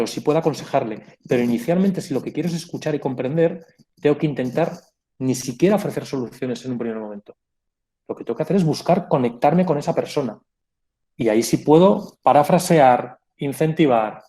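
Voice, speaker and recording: A conference speaker gives a reflective pastoral talk in a warm, mid-range voice, explaining ideas with asides and small self-corrections.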